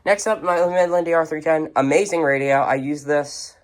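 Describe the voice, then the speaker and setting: Amid crowd noise, a radio collector of unclear sex speaks at a moderate pace in a medium-pitched, mid-range voice. In an unscripted, casual show-and-tell at home among shelves and tables of radios, they give blunt, offhand verdicts on each item.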